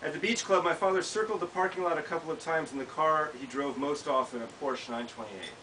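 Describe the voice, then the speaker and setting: His voice is fairly high, bright and forceful, and he reads a little fast. He's an American author in his thirties giving a live reading of his own personal essay in a small bookshop. A camera several feet off captures it, with hissy background noise.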